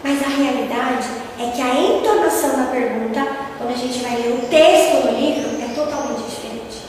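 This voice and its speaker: A woman's voice: high voice, normal speed, darkish tone, slight background noise. A woman with a Brazilian Portuguese accent giving a spiritist lecture to an audience. She speaks in an earnest, teaching tone and often checks in with her listeners. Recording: echoey hall recorded from far off, faint ambience.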